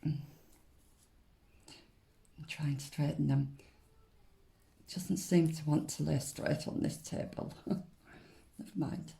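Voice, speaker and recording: Female tarot host: low, unhurried, gently reassuring, informal and slightly hesitant delivery. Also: level tone, creaky. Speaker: tarot card reader and host. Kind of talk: casual spiritual card reading.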